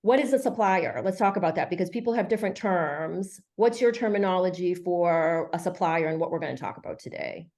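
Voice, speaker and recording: A woman's voice: fairly low pitch, brisk, hardly any pauses, darkish tone. A woman hosting an online webinar in a chatty, friendly way, with many fillers. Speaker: webinar host.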